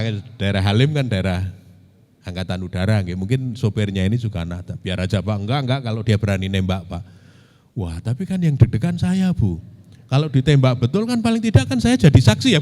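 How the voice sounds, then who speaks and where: A man's voice: medium pitch, a little fast. A middle-aged man preaching a storytelling sermon, addressing his audience directly. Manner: animated anecdotes, addresses audience as Pak and Bu. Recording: lecture hall reverb.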